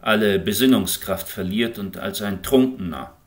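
A man's voice: lowish voice, moderate pace, lightly acted. A man reading the lines of a sober, reasonable young man who argues in a firm, lecturing way.

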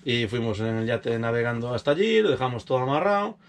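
A man telling his own life stories in casual chat, animated and acting out other people's voices. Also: mid-range voice, quick pace.

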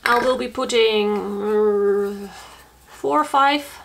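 A young woman, an eco-living vlogger, sits on the floor of a small indoor laundry corner and runs a laundry test on camera. Her medium-pitched, gravelly voice moves slowly as she checks each item, casual and matter-of-fact, thinking aloud as she goes.

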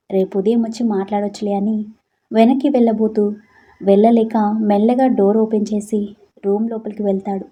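Brief: female narrator for a heartfelt story, warm dark tone, gentle delivery. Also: medium pitch, breathy edge.

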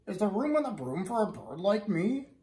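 A man's voice: high voice, big pitch swings, moderate pace, darkish tone. A man voicing an eager, polite animal in rhyme while reading a picture book to a toddler. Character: eager, polite animal asking to join, storybook. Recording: echoey living room, distant mic.

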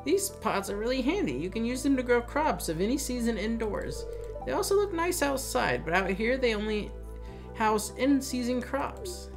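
Man doing a doting old grandma, high cooing voice, affectionate, game playthrough. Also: exaggerated voice. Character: sweet elderly grandmother, kindly and doting.

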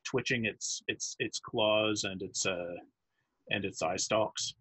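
Husky-voiced man running a tabletop game. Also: lowish voice, pushed and bright. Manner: halting, many restarts, laughs easily. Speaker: dungeon master.

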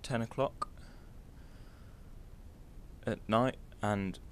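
A man's voice: on the low side, drawn-out words, slight background noise. A hungover young man talking offhand and chattily, casually showing his kit as a motorcycle vlogger. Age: young adult. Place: small bedroom indoors.

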